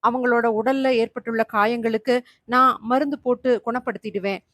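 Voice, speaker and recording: A woman voicing a calm, serious female doctor who speaks in a measured way, in a storybook reading. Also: fairly high pitch, no echo, studio quality, natural voice.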